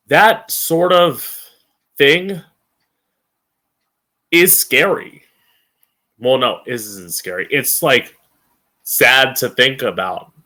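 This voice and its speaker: A man's voice: fairly high pitch, pushed and bright. A man with a campy drag queen manner hosting an informal opinion monologue, emphatic and opinionated, with plenty of swearing. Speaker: podcast host.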